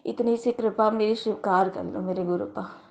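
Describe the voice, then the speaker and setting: A woman's voice: medium pitch, fairly even intonation, normal speed, darkish tone. Woman in her 30s telling her devotional story, earnest, keeps repeating herself, kinda muffled lo-fi sound. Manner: earnest and heartfelt, repeats phrases for emphasis. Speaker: devotee sharing her testimony. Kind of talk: devotional personal testimony.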